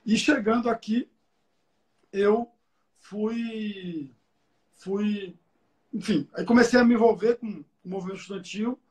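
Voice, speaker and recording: A man's voice: high-pitched, takes it slowly, pauses often, a little mellow. A young man, talking casually as an interview guest, with many fillers and repeated words. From Rio de Janeiro, Brazil. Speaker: guest, environmental engineer.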